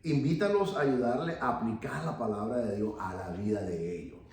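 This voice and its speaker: A man's voice: medium pitch, moderate pace, darkish tone. Man, Bible class teacher, earnest and repetitive, very roomy echo, a bit off mic, faint ambience. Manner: earnest preaching tone, repeats key phrases, fillers "ok" and "eh". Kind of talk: church Bible class lecture. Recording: echoey room, voice from a distance.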